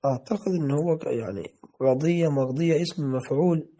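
A man reads from a classical text and explains each term, slow and deliberate, going back over words. His voice sits fairly high for a man, with a mellow, darkened tone. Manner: measured, careful reading with repeated words. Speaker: teacher.

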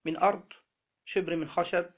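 A man teaching a grammar lesson, slowly drawing out words and asking the class questions. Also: high voice, fairly even intonation, husky. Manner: slow, drawn-out delivery with question-and-answer prompts. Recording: tinny phone-like sound.

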